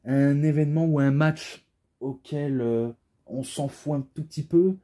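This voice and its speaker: A man's voice: fairly high pitch, measured pace, warm tone. A man giving a rambling, casual spoken review who gets carried away as he talks, with an imposing voice. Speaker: wrestling DVD reviewer.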